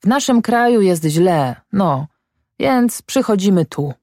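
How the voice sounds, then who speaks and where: A woman's voice: medium pitch, expressive, a little mellow, dry recording, studio quality, voice pushed up. Female reader doing a weary sick old man who talks in broken bursts. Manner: halting, broken speech.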